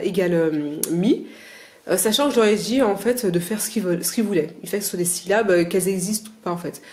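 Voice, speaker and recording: A woman's voice: mid-range voice, a little mellow. Hesitant woman explaining home lessons. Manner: hesitant, full of filler sounds. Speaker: homeschooling mother. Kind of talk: casual explanation to camera. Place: home, at a whiteboard with her children.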